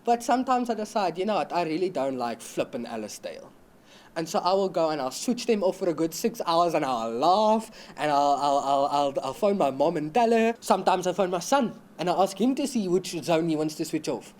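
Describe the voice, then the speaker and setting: A man playing a petty, bumbling power-cut official, halting and tripping over his words. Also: fairly high pitch, expressive, darkish tone, lightly acted. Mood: smug. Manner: halting, stumbling over words, broken grammar.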